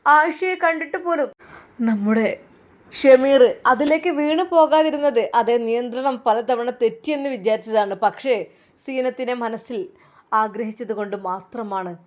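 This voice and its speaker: A woman's voice: a little high, normal speed. A woman narrating a dramatic story with emotive, rising emphasis.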